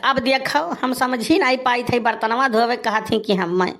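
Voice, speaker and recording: This very high, fairly bright male voice moves at a moderate pace as it plays a grumbling, boastful village husband in Awadhi cartoon comedy. He scolds with an exasperated air and a rustic eastern Uttar Pradesh accent.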